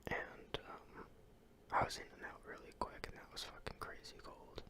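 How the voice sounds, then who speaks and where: Asmr whisperer rambling about their day, all airy whisper, lots of ums and cussing. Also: moderate pace. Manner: unvoiced whisper throughout; rambling and casual, with ums, swearing and restarts. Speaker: YouTuber.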